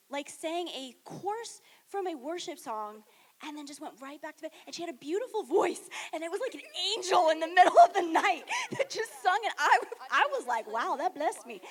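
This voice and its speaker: A youth director telling funny stories on a panel, animated and laughing, acting out what others said. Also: female voice, high voice. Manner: animated, laughing, acts out quotes. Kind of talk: casual storytelling on a panel.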